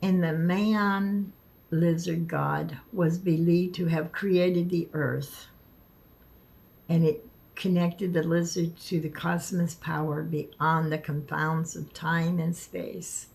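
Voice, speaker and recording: A woman vlogging casually, speaking haltingly and stumbling over words, with the lisping, slurred sound of missing front teeth. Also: fairly low pitch, steady tone, gravelly, darkish tone, low-quality recording. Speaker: video creator. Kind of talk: casual spoken vlog, partly reading aloud.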